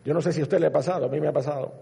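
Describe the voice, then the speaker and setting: A man's voice: on the high side, fairly even intonation, racing, creaky, warm tone, breathy edge. A man preaching a sermon as pastor, building emphasis through repetition. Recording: long hall reverb.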